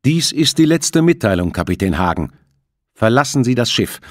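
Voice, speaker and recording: A man with a mid-range, very animated voice, pitched above his natural register and lightly acted, plays a grave male hijacker with a metallic voice in an audiobook. He issues cold commands over a radio at a moderate pace. The recording is dry and studio quality.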